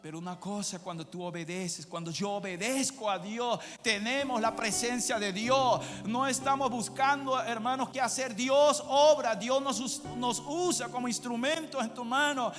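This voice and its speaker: A male pastor preaching a sermon, moving from quiet asides to shouted climaxes. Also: very high-pitched, normal speed, few pauses. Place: church. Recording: long church reverb with music behind.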